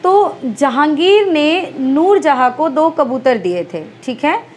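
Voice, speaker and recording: Woman, Hindi teacher, high voice, unhurried, exam-prep lesson, asks and answers herself. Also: lively intonation, slight background noise. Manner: explains step by step, asks and answers her own questions.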